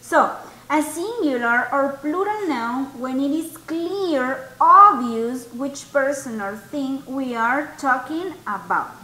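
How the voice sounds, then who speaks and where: A woman teaching a grammar lesson, patiently checking that her students follow and slowly repeating words for them to hear. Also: high voice, lively intonation, bright, forceful tone, reverberant, poor audio. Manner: patient, checks understanding often. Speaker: English teacher.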